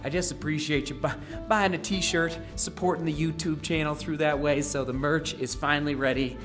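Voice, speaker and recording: A man's voice: fairly high pitch, steady tone, moderate pace, music in the background. A man in his thirties vlogging casually to a handheld camera while walking through a hotel, upbeat and chatty. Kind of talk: casual vlog talk to camera. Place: hotel rooms and hallways, indoors. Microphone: handheld camera at arm's length.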